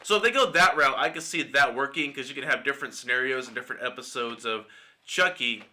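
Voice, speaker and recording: A man talks through his opinions in a loose, speculative solo commentary, now and then dropping a curse. His voice has a very bright, cutting edge at an ordinary male pitch. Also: fast talker. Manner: speculative, opinionated, casually swearing. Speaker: YouTube movie commentator. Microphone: desktop mic, screen-recorded video.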